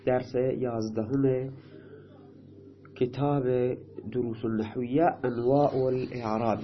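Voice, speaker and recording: A male teacher giving a grammar lesson, reading a line of text and then explaining it in plain, everyday talk. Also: mid-range voice. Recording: dull, lo-fi recording.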